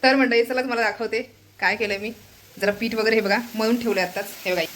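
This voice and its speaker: Showing viewers around her home, a woman from Maharashtra chats away and keeps drawing attention to things in a casual family vlog. Her voice is slightly high, steady, fast and a bit bright, with background music and a touch of hiss or hum.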